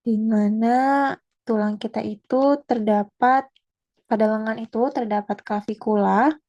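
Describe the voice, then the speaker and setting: A woman's voice: fairly high pitch, steady tone, darkish tone, dull audio. Young woman giving an anatomy talk. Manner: halting, with fillers and self-corrections. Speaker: student presenter. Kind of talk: anatomy presentation.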